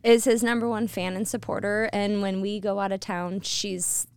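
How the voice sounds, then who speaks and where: A woman's voice: medium pitch, steady tone, moderate pace, gravelly, darkish tone, clear, resonant tone, no echo. A woman from Michigan with an American accent, chatting casually as a podcast guest. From Michigan, United States. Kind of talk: casual chat.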